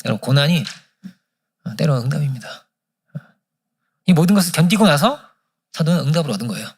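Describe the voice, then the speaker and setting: A man's voice: a little high, lively intonation, fast talker, breathy edge. A male pastor preaching a sermon at a church service, telling a story and acting out the prayers in it. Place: church sanctuary.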